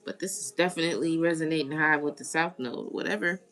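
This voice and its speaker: A woman's voice: low-pitched, fast talker, fairly bright tone. A woman from the United States hosting a tarot live stream, chatting casually and greeting viewers as she reads their comments. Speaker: tarot reader.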